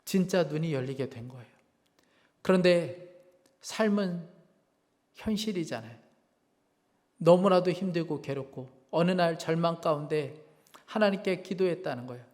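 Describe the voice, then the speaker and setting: A man's voice: fairly high pitch, moderate pace, pauses often. A man preaching a sermon as pastor, earnest, rising into fervent prayer. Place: church sanctuary. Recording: long church hall reverb with soft music.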